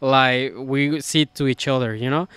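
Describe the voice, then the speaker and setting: A man's voice: medium pitch, fairly even intonation, a little slow, fairly bright tone, clean tone, no echo. Male host, chatty, resonant clean voice, dry sound. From Mexico. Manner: conversational, storytelling. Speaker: podcast host. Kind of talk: casual interview chat.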